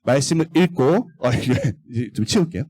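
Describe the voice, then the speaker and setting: A man's voice: mid-range voice, animated, normal speed, a little mellow, slightly rough, dry recording. A man giving a children's sermon at a church service, asking the young listeners questions and leading them to read along. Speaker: children's pastor.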